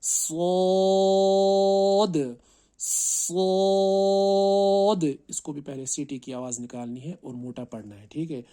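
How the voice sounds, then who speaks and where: A man teaches how to pronounce Arabic letters, explaining each one patiently and often asking "right?". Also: mid-range voice. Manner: explains slowly, then calls out each letter long and loud. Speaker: Quran recitation teacher.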